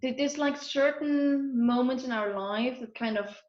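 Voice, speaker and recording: A woman in her forties who grew up in Eastern Germany talks through her story in a loose, chatty way, with lots of fillers and restarts. Her voice sits a little high. The audio is roomy and dull, like a lo-fi call. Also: measured pace, a little mellow. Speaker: guest. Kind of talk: casual conversational interview.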